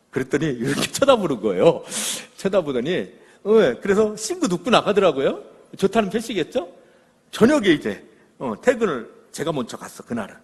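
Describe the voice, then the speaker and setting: Animated, husky man lecturing in a church. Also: fairly high pitch, in a large hall. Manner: animated storytelling, acting out quoted lines, checking with the audience. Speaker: lecturer on parenting. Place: church hall.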